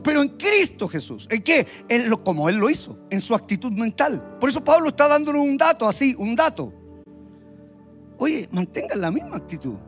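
A man preaching a sermon as pastor, impassioned and repetitive, building up to shouts. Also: very high voice.

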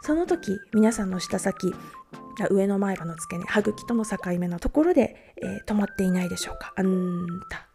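A woman from Japan teaches pronunciation on a podcast, working through each point slowly with frequent fillers. Her voice is mellow and warm, and faint music plays beneath it. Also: mid-range voice, lively intonation, creaky. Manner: explains step by step with many fillers. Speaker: language teacher.

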